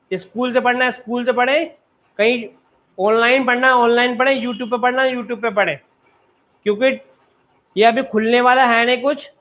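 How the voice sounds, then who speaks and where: Man maths teacher, very high voice, bright tone, live online class, keeps checking students follow.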